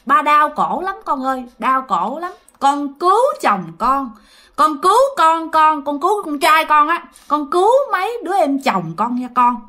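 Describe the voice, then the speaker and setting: A tormented old grandfather's ghost, put on by a woman storyteller, speaking through a medium in a raspy, hoarse voice pushed up high. He wails and pleads in repeated cries, his pitch swinging wildly. It is a ghost-story telling with strained, keening lines. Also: big pitch swings, measured pace, sharp tone, exaggerated voice. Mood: wailing. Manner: pleading, wailing, repetitive.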